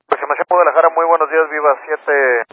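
A man's voice: fairly high pitch, steady tone, fast. A man, speaking as an airline pilot over a radio link in clipped calls and readbacks. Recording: tinny, noisy radio transmission.

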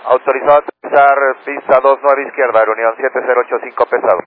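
Por la radio de cabina llega la voz de un hombre piloto que confirma instrucciones con frases secas y rutinarias. Habla de corrido, casi atropellado. El sonido es fino y apretado, de banda muy estrecha. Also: male voice, medium pitch, fairly even intonation, fast talker, background noise. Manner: clipped, formulaic aviation phrasing. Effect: cockpit headset radio transmission. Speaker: airline pilot. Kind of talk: radio readback to the tower. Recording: narrow tinny radio band.

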